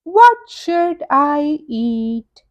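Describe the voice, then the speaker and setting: Storybook cat read by a woman: groovy, easygoing, very high, lively swings, slow delivery. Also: full character voice. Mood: curious, pleased. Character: Pete, groovy, easygoing cartoon cat who sings. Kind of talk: children's storybook character voice.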